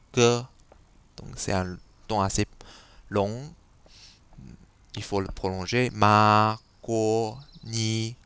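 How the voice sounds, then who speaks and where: Slow, low-voiced man teaching tones. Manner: patient, repeats syllables to model tones. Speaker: Chinese language teacher. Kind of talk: slow explanatory lesson.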